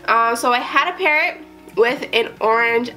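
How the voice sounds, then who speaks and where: A woman's voice: a little high, moderate pace, bright, forceful tone, soft background music. A woman chatting casually as a beauty vlogger, a little out of breath, narrating each makeup step as she works.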